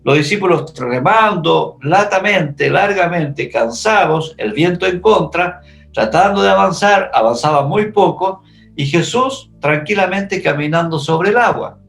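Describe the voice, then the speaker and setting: Male pastor, animated Bible-class storyteller, gravelly and fairly high-pitched. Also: a little slow, soft background music. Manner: animated storytelling, vividly imagining scenes.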